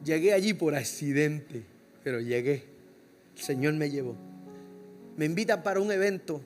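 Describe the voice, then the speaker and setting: A man's voice: a little high, moderate pace, soft background music. A man, a pastor with a Puerto Rican accent, telling a story in a sermon and acting out the dialogue with humor. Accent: Puerto Rican Spanish. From Puerto Rico. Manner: animated, acts out dialogue, laughs at himself.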